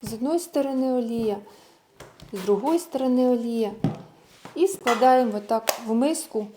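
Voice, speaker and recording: A woman's voice: fairly high pitch, moderate pace, background noise. A woman giving a casual cooking tutorial, chatting through each step as she works and mixing Russian words into her speech. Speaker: home cook showing a recipe.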